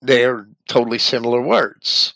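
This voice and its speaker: A man giving a measured, deliberate lecture on scripture and language, now and then pausing to correct himself. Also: medium pitch, vocal fry, fairly bright tone, no echo, low-quality recording.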